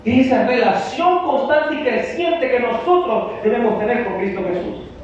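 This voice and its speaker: Man, pastor, high voice, emphatic sermon with questions to the flock, recorded far off in a dull, boomy church hall. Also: lively intonation, moderate pace. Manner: emphatic, with rhetorical questions to the congregation. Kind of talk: preaching a sermon. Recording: very echoey hall, distant, dull sound with faint noise.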